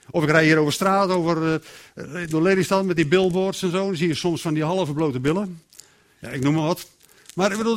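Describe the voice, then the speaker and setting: Animated male preacher. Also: high voice. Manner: lively, animated, acts out voices and quotes. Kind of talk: sermon.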